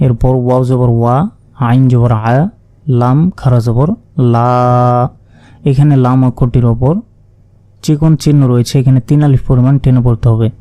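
A man teaching word-by-word Quran reading, spelling out each letter and vowel mark before slowly joining them into the recited word. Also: mid-range voice, fairly even intonation, dark tone. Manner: slow, drawn-out recitation of joined words.

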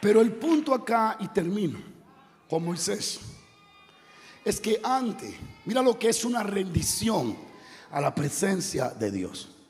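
A male pastor preaching a sermon with impassioned, conversational delivery and shouted exclamations. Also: high-pitched, sing-song, slow, faint music behind. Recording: long reverb of a large hall.

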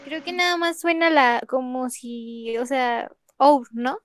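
A woman's voice: high voice, takes it slowly, slight background noise. A woman student answering her teacher's questions in a hesitant, tentative way. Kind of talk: answering in class.

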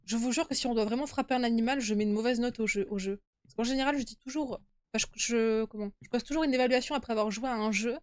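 A woman's voice: on the high side, quick pace, no room sound. A young woman streaming a horror game with casual live commentary, uneasy and easily scared, chatting to her viewers. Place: indoor room at home.

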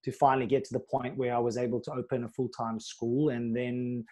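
Joining a podcast by video call, a middle-aged man from South Africa shares his life story openly in conversation. His medium-pitched voice stays earnest and steady, broken by pauses and fillers. He uses a wired earbud microphone in a small, plain-walled room.

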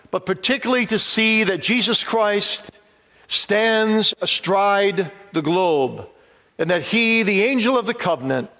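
A middle-aged pastor delivers an earnest sermon, leaning into key phrases with rising emphasis. His voice sits a little high and moves at an unhurried, deliberate pace. A long reverb from the hall trails each line. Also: bright, forceful tone.

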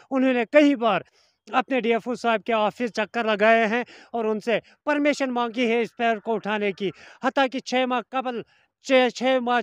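A man in his thirties doing a news report outdoors with a handheld mic, in a forceful, accusing tone with formal officialese. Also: very high voice, smooth, no room sound. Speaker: field reporter. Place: outdoors in a forest.

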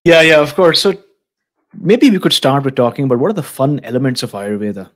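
A man in his thirties hosting a podcast interview, speaking in a thoughtful, measured, affirming way into a studio mic in a small room. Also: mid-range voice, animated. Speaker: podcast host. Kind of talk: casual interview. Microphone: studio mic with headphones.

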